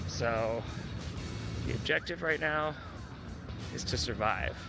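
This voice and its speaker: A man's voice: medium pitch, slow pace, creaky. A man narrating his travel vlog in a casual, joking, self-deprecating way. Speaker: vlogger recapping a fundraising tour. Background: background music.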